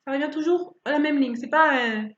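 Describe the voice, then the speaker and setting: A woman preaching a sermon in an animated way, asking rhetorical questions and acting out people's attitudes. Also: high-pitched, fairly quick. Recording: roomy, slightly dull recording.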